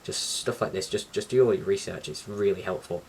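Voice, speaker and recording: Speaking briskly with a darkish, lowish tone, this young male vlogger chats informally to the camera. He comes across as a bit hesitant and tends to ramble. Faint background noise can be heard through the distant microphone.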